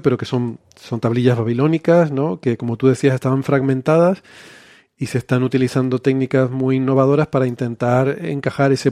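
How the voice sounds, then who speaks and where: A man hosting a casual science podcast, easygoing and playful, quick to laugh at himself. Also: medium pitch, mellow, no room sound, clean studio sound. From Canary Islands. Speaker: podcast host.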